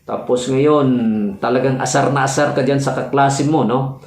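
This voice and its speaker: A man teaching in a loose classroom manner, his sentences broken by fillers and quick checks with the listener. His voice sits at a middle pitch, and the room around him rings with noticeable echo. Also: flat delivery, darkish tone. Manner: explains slowly with frequent "no?" checks and hesitations. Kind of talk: classroom-style legal lecture. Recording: echoey room.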